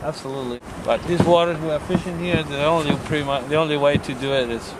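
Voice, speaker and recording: Male fishing guide, high voice, casual chat, heavy outdoor river noise throughout. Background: rushing water and boat sounds.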